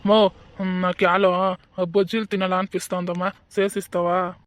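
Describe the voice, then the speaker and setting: A woman's voice: on the low side, level tone, moderate pace, no echo, close to an everyday voice. A woman voicing an easygoing young husband and son in a cartoon, coaxing. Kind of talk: cartoon voice acting.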